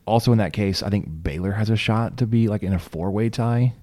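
A man co-hosting a sports podcast in relaxed, chatty talk, his voice a little strained from shouting at a game. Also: lowish voice, fairly quick, no room sound, clean studio sound. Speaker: podcast co-host. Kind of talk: casual sports chat.

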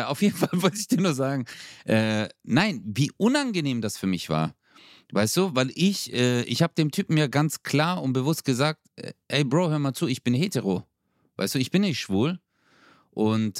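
Animated young man telling a story. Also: mid-range voice, dry recording, clean studio sound. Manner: animated storytelling with street slang. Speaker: podcast co-host. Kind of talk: casual chat.

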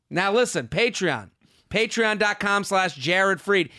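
A man with a high, bright voice hosts a comedy podcast. He talks casually and exuberantly to his listeners, repeating himself and hyping himself as he goes. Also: animated, slow. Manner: exuberant, repetitive, self-hyping.

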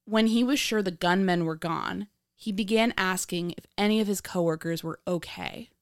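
Low-voiced woman narrating true crime. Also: no echo, studio quality. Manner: measured, dramatic storytelling. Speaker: podcast host.

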